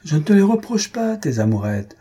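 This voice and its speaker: A man voicing an excitable, bossy old spinster aunt who scolds in shrill outbursts, in a storybook reading. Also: fairly quick, breathy edge. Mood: playful.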